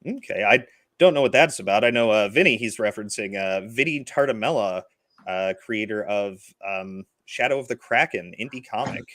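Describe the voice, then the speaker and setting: A man's voice: lowish voice, lively intonation, normal speed, fairly bright tone, no room sound. A man hosting a casual live-streamed movie review chat, rambling with lots of filler words. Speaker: podcast host.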